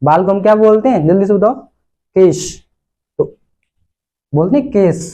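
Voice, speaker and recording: A man's voice: high-pitched, animated, normal speed, dark tone, muffled recording. A male Sanskrit teacher, teaching in a classroom lecture style. He repeats words and asks questions, then answers them himself. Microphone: recorded lesson video.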